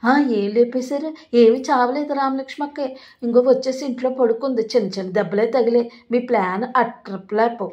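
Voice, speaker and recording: A woman's voice: a little high, fairly even intonation, brisk, dark tone, lo-fi sound, close to an everyday voice. A woman reading a timid, fretful young wife. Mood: mocking. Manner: fretful, muttering to herself. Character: timid young wife afraid of her husband.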